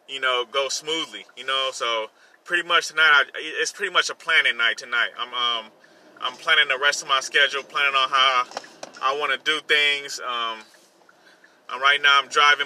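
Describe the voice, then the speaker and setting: A man's voice: medium pitch, bright, forceful tone. A man talking casually and informally in slang, repeating himself, as he hosts his own vlog segment from a car he is driving. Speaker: host of a personal podcast segment, songwriter. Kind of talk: casual solo vlog chat while driving. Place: inside a car while driving. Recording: vehicle noise in the background. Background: faint vehicle noise.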